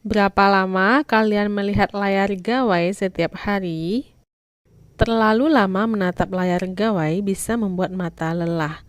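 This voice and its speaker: A woman teacher, giving a scripted lesson to young children in a clear, instructive way. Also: mid-range voice, unhurried, no room sound.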